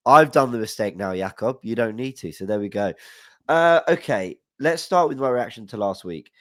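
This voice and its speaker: A young man with a mid-range, slightly bright voice and lively intonation guests on a casual football podcast over a video call from a room at home, speaking at normal speed. Stuffy-nosed from hay fever, he is nervous and rambling, apologizing a lot. His studio mic with headset gives a dry, studio-quality recording.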